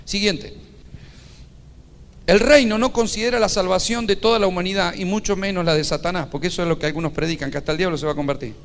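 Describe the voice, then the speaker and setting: A pastor preaches in an emphatic, repetitive style, driving his points home. His man's voice sits high for a man. It rings out with a long hall reverb, as in a church. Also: steady tone, quick pace, a little hiss or hum. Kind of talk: sermon.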